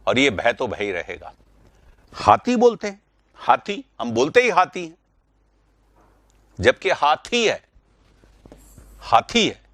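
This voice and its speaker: A man's voice: mid-range voice, a bit bright, dry recording. A man teaching Hindi spelling and pronunciation in an online class, repeating words to stress the correct sounds and correcting students directly. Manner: addresses students directly, correcting their answers.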